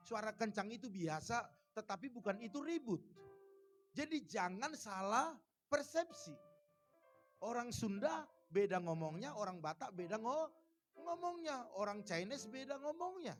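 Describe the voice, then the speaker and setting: A man preaching a church sermon, lively and joking, acting out little everyday scenes. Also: high-pitched. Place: church service.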